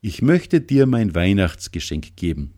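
A man voicing a kindly middle-aged male farmer in a storybook, speaking in a warm, fatherly way. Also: low-pitched, very animated, measured pace. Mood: fond.

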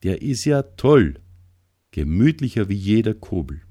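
A man voicing an excitable little male squirrel in a storybook reading, with a chirpy, eager manner. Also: lowish voice, measured pace, voice pushed up. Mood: delighted.

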